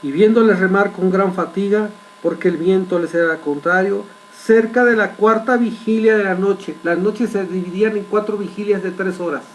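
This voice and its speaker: A man preaching a sermon, telling a story vividly and pausing often to ask his congregation rhetorical questions. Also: high-pitched, slight background noise, poor audio. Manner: vivid storytelling with dramatic pauses.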